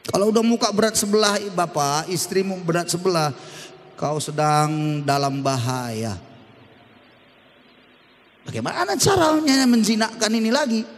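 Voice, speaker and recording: A middle-aged man preaching a lively, humorous sermon in a church, drawing call-and-response from the congregation. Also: high-pitched, measured pace, long pauses. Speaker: pastor. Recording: long church-hall reverb.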